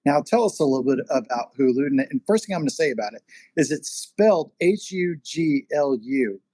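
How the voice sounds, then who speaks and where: A man's voice: medium pitch, expressive, fast talker, mellow, no room sound. Man, interview host, casual conversation, rambling, lots of fillers, dry close sound. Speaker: podcast host and magazine editor.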